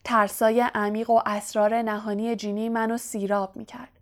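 A scheming young wizard purrs out his gloating confession in a silky, hushed storybook voice, as a woman reads him. The voice sits a little high and is spoken softly and with menace. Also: flat delivery, close to an everyday voice. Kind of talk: audiobook character voice.

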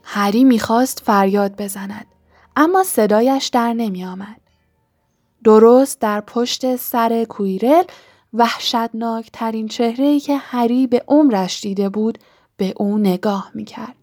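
A woman's voice: a little high, darkish tone, no echo, faint music behind. Audiobook narrator: woman, suspenseful and dramatic, dry close-miked read. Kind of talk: audiobook reading.

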